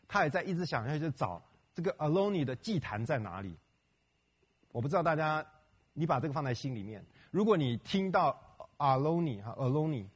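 A middle-aged pastor speaks to his congregation in a loose, conversational way, pausing on fillers and asking questions of the room. His voice is a little husky, sitting at an ordinary pitch for a man. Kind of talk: church talk on local history and prayer.

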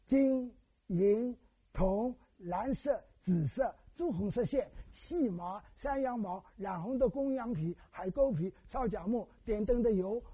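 A man's voice: high-pitched, breathy edge. An elderly man from Wenzhou preaching a sermon, telling stories and quizzing his listeners with questions. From Wenzhou, China. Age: older. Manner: animated storytelling, quizzes the congregation with questions. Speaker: pastor.

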